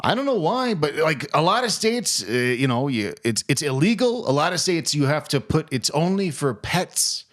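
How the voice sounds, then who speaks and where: A man's voice: a little high, very animated, moderate pace, few pauses. A man co-hosting a podcast, arguing his point in casual chat and repeating himself as he riffs. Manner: argumentative, riffing, repeats himself. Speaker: podcast co-host.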